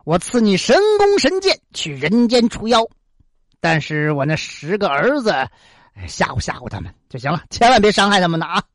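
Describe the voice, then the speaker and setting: A fatherly heavenly ruler, voiced by a storyteller, soft on his unruly sons. His speech wanders up and down in pitch, with quick, muttered asides. The sound is dry storybook narration. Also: wildly swooping pitch, no room sound. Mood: indulgent.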